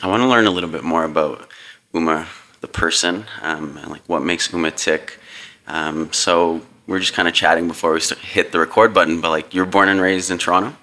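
A man hosts a podcast in a casual interview chat, his low voice fairly quick and sharp-toned with fairly even intonation. He sounds hesitant, full of ums and restarts.

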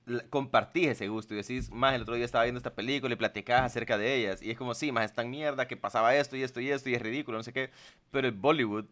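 A man's voice: mid-range voice, steady tone, racing, fairly bright tone. A man, co-hosting a podcast in crude, joking banter and acting out little scenes. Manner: crude, joking, acts out voices. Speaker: podcast co-host.

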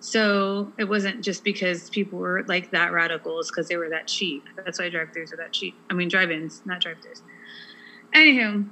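A woman's voice: fairly low pitch, fairly even intonation, normal speed, pushed and bright, slight background noise, rough recording. A woman co-hosting a casual podcast, explaining at length in a chatty way with lots of fillers. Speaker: podcast co-host. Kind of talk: casual chat.

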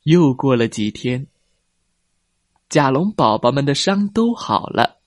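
Slow, expressive male storyteller. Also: medium pitch, dry recording, studio quality. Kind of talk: children's story reading.

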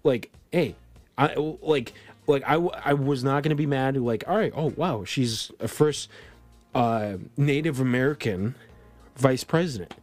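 A man's voice: mid-range voice, unhurried, soft background music. A man born in Colombia co-hosting a podcast, talking politics in a casual, rambling way full of restarts and fillers. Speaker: podcast co-host.

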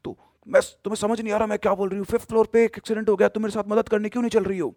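A man's voice: high-pitched, little pitch movement, very fast, darkish tone, dry recording, studio quality, pitched above the performer's own voice. A man voicing an angry ghostly woman who insistently scolds and demands help.

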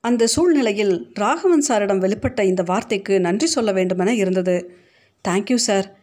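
A woman reads a short story aloud in a steady, reflective manner. Her voice sits at a medium pitch for a woman, even and composed, with plain, measured storytelling. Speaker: story reader. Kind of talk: scripted narration.

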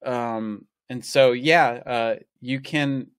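Slow-talking man explaining theology. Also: mid-range voice, smooth, dry recording, clean studio sound. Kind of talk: casual theology discussion.

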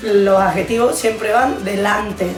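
A woman's voice: medium pitch, steady tone, slow pace, reverberant, soft background music. A woman, explaining English mistakes in a casual co-hosted lesson, teasing her partner. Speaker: co-host teaching English.

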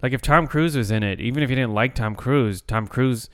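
A man co-hosting a podcast, chatting casually about movies in a relaxed, musing way. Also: medium pitch, brisk, clear, resonant tone, no echo, studio quality. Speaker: podcast co-host.

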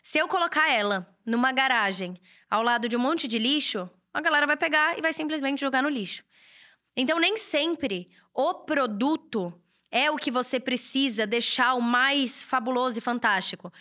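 A woman hosts a chatty solo talk on business advice. Her voice sits somewhat high and sounds strikingly bright and forceful. She talks casually from an indoor room set up for recording. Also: animated, moderate pace. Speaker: host and writer. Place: indoor room with a curtain backdrop, books and a computer.

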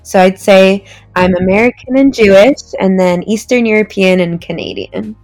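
A young adult woman from Orange County, California, appears as a podcast guest, telling her story in a friendly, casual interview chat with frequent "likes." Her mid-range voice has a darkish tone at normal speed, with soft music in the background.

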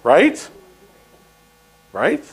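A man's voice: on the high side, wildly swooping pitch, drawn-out words, slightly rough, faint music behind. A pastor preaching a sermon, questioning his congregation and dropping jokey asides. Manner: call-and-response questions to the congregation.

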